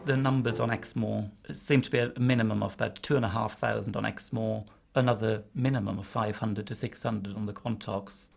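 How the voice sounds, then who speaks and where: A man's voice: fairly low pitch, fairly even intonation, a little fast, vocal fry, few pauses. A man talking as an interviewed expert, explaining in an informal but informed way. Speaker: interviewed expert on deer populations.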